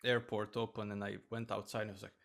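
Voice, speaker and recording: A man from Romania, a flight attendant and host, chatting casually with a relaxed, storytelling manner. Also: on the low side, fast talker, creaky. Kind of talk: casual chat.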